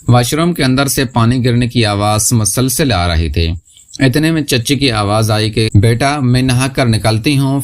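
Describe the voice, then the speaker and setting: A man narrating a scripted first-person story in a steady, unhurried reading voice. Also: mid-range voice.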